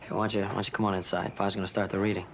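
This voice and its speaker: An easygoing brother who checks in with quick, concerned questions in a low, gravelly voice. A noisy old TV soundtrack carries it, with a clear hiss behind. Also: male voice, little pitch movement. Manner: concerned, casual. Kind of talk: 1960s TV western acting.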